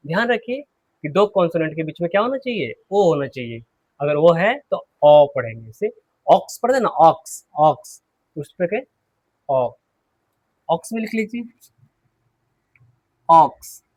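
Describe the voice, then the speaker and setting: A man teaching English pronunciation, slowly repeating words and asking and answering his own questions, clearing his throat often. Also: on the high side, very animated, darkish tone, no room sound, dull audio. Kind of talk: classroom lesson.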